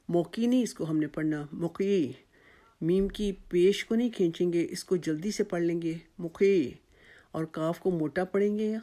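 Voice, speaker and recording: A patient recitation teacher walks through tajweed pronunciation one word at a time, explaining how each sound is formed before repeating it slowly several times. The voice is mellow and warm, and the words are carefully stretched out whenever a sound is modelled. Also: medium pitch.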